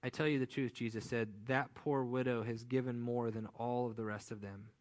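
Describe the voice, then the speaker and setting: A man's voice: mid-range voice, steady tone, moderate pace, a little mellow. Conversational male pastor preaching. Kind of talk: sermon.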